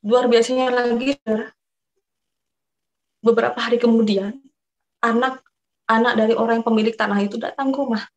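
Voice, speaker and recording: A woman's voice: fairly high pitch, fairly even intonation, a little fast, long pauses, rough recording. A woman from East Java, Indonesia, giving a personal religious testimony, telling her story earnestly and often addressing her listeners as brothers and sisters.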